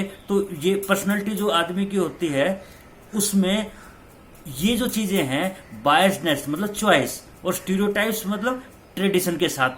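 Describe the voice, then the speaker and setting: A man's voice: high-pitched, a bit bright, slight background noise. A male teacher talking students through multiple-choice answers, repeating key terms and slipping in English phrases. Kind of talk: exam-question lecture.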